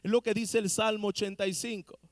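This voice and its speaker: A man's voice: high voice, flat delivery, fairly quick, no echo, studio quality. A man preaching a sermon as pastor, speaking straight to his listeners and asking the congregation questions. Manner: asks the congregation rhetorical questions; addresses listeners directly and earnestly. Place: church.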